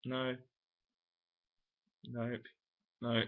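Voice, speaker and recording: A man's voice: mid-range voice, monotone, extremely slow. A young man chatting casually to camera in a vlog, rambling and thinking aloud with frequent restarts. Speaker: vlogger. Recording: dull lo-fi home recording.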